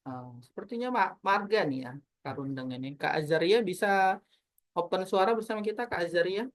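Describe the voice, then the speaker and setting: A woman public speaking trainer teaching an online class, animated and always addressing her audience as friends, over a video call. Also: lowish voice, normal speed.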